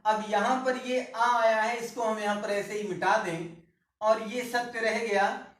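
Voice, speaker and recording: A male teacher walks through a grammar lesson at an unhurried pace, saying each word over as he writes it on the board. His voice sits back from the microphone in a strongly echoing room. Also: high-pitched, fairly even intonation, fairly bright tone, recorded from a distance. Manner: slow, repeats words while writing on a board; corrects himself mid-lesson. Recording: roomy echo, speaker away from the mic.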